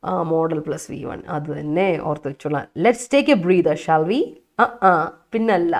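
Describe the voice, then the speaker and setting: A woman's voice: sits low, animated, slow pace, a little mellow. Woman, Malayali accent, English teacher, live online class, chatty, checks in with students. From Kerala. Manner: chatty, keeps asking "right?" of her students; switches between two languages, reads student sentences aloud.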